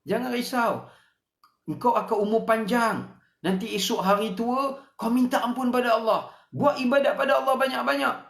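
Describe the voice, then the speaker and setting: A sly male devil, as a preacher puts him on, coaxing and soothing in a lilt. His pitch climbs high and pleading as he tempts. The voice rings in an echoey room. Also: steady tone, moderate pace, gravelly, a bit bright, full character voice. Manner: soothing, persuasive, rising sing-song pleading.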